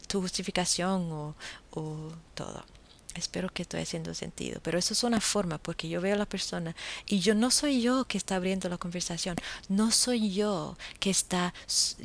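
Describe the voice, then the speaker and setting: A woman talking earnestly and firmly to her listeners in a casual monologue, often restarting her sentences and dropping into soft murmured asides. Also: fairly low pitch. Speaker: vegan vlogger.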